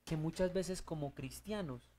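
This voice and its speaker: A Bible teacher leading a study group, emphatic, putting questions to the audience and answering them, with loud rising bursts. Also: mid-range voice, a little slow.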